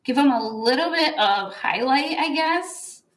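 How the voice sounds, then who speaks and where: A woman's voice: sits high, animated, measured pace. A woman demonstrating stenciling on a craft livestream, chatty and playfully teasing her co-host.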